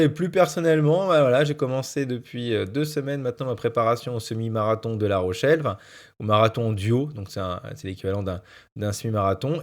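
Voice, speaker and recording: A man with a lowish voice chats casually on his own podcast, a teacher sharing recommendations. He talks in a hesitant, halting way, full of fillers and self-corrections. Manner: hesitant, many fillers and restarts. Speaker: podcast host, primary school teacher. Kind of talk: casual solo podcast chat.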